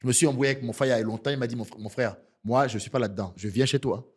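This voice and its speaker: A man's voice: medium pitch, rapid-fire, slightly rough. A man from France and Benin, a comedian, telling his story in a casual interview with emphatic, slangy delivery.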